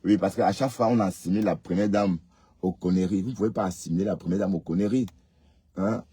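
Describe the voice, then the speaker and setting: Man hosting a livestream, deep husky voice, lectures viewers, "hein?" tags. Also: steady tone, quick pace, mellow, no echo. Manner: scolding, rhetorical questions with tag "hein". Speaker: live stream host. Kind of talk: casual live commentary reading comments.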